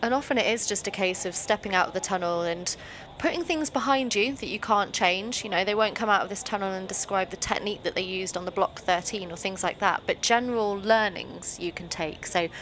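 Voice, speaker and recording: A woman's voice: mid-range voice, brisk, few pauses, a bit bright. Woman explaining things on live sport commentary, fluent, bit of background noise. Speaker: event commentator.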